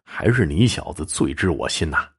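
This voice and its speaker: A man voicing a lustful, cruel young male bully who talks slow, low and smug in a spoken story. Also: sing-song, husky, full character voice. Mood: pleased.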